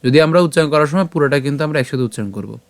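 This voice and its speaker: A man's voice: fairly high pitch, animated, racing, no room sound. A man teaching scripture pronunciation, patiently breaking each word into syllables in a step-by-step recitation lesson.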